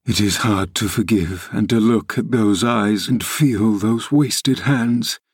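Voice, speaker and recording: A man's voice: on the low side, slow, husky, no echo, studio quality. A man playing an anguished, fierce and brooding male lover, speaking with earnest intensity in a classic novel reading.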